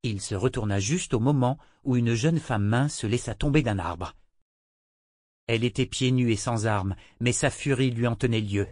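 A man with a medium-pitched voice narrates an audiobook in a measured, even storytelling manner. He's recorded dry on a close studio mic.

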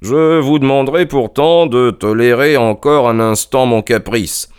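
A man voicing a sharp, authoritative middle-aged detective with a cool, clipped delivery. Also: medium pitch, measured pace, clear, resonant tone, pitched above the performer's own voice, natural voice. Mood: polite insistence.

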